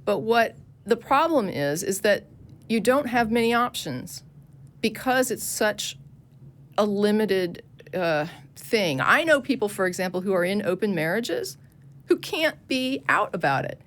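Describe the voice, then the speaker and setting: A woman co-hosting a call-in show, arguing her view in a quick, earnest manner with many restarts. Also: medium pitch, big pitch swings. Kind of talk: casual call-in debate.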